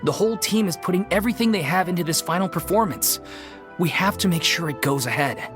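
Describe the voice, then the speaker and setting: An earnest, worried troupe leader. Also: male voice, high voice, animated, fast. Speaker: troupe manager. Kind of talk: video game voice acting. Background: game music.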